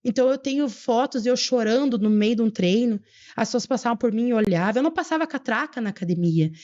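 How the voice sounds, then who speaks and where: A young adult woman, telling her personal story as a podcast guest in an earnest, fervent way and slowing down for emphasis. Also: fairly high pitch, expressive, dark tone, highs cut off. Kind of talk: emotional personal testimony.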